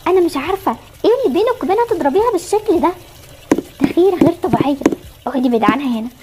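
In an amateur voiced game story, a woman with an Egyptian Arabic accent plays a fretful young mother of twin girls, alternating between scolding and soothing. Her high voice is expressive and rapid-fire, and the recording is very noisy.

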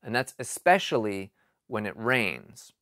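A man's voice: on the low side, measured pace, dry recording. Man musing aloud in a dry basement. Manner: relaxed, thinking aloud with frequent ums and restarts. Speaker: home improvement vlogger. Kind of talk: casual explanatory vlog. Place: cluttered basement storage area.

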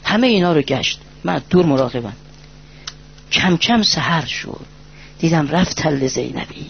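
A man preaching a religious lecture with passion, going from hushed to raised and reciting poetry and prayers. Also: on the high side, expressive, vocal fry, husky. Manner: impassioned, swings between hushed and raised. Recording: dull lo-fi recording.

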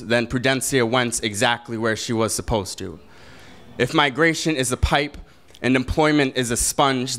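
Performing at a slam inside a small brick-walled space, a young male poet speaks at medium pitch with a slightly bright voice. He starts out slow and deliberate and builds to intense declamation.

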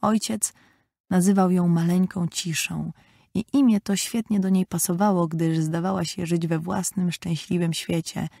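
A woman narrating a classic novel in a measured, expressive storytelling manner. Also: lowish voice, no room sound, studio quality. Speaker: audiobook narrator. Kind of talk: scripted narration.

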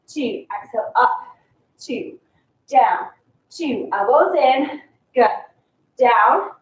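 A young woman working as an aerobics instructor, calling out clipped, encouraging counts and cues while she exercises. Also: high voice. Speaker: fitness instructor. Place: small concrete-walled basement home gym. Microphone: far camera across the room. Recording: roomy, distant, slightly dull camera sound.

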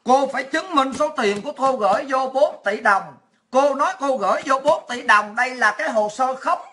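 A woman's voice: sits high, normal speed, a bit bright. A woman mimicking a corrupt, bullying judge who scolds and mocks a depositor. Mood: scolding, mocking. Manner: accusing, mocking.

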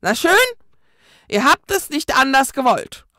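Woman doing a booming old ghost. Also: animated, no echo, studio quality, heavily acted. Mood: menacing. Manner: loud, booming declarations and slow drawn-out chanted incantations. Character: old male ghost vampire hunter, pompous, easily flustered.

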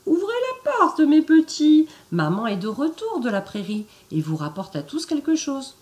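A woman voicing a wolf who puts on a sugary, high mother's voice to trick the kids. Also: wildly swooping pitch, moderate pace, darkish tone. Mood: wheedling. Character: wolf faking a sweet mother goat.

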